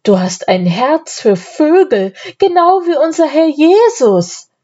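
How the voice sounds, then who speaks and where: A woman's voice: high-pitched, sing-song, slow pace, warm tone, lo-fi sound, voice pushed up, exaggerated voice. A woman doing a naive gushing old pastor. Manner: gushing, merry. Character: naive cheerful male pastor, tearful and gushing.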